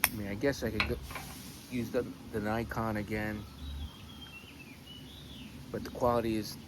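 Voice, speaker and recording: A man chatting casually in a rambling, halting way with mild swearing, as a vlogger recording on his phone. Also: fairly low pitch, flat delivery. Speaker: pipe-smoking vlogger. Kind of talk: rambling casual chat vlog. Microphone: phone camera. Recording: noisy phone recording with clear background noise.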